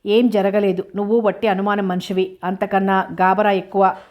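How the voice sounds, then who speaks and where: A woman reading a novel aloud, voicing a tearful young daughter who gives short, evasive replies in a flat tone. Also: medium pitch, normal speed, natural voice. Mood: curt evasive.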